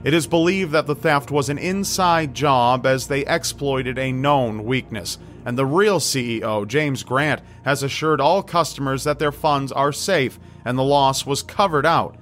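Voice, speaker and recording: A man's voice: medium pitch, measured pace, hardly any pauses, a bit bright. A man reading scripted narration in the style of a true crime list video. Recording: music behind the voice. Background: background music.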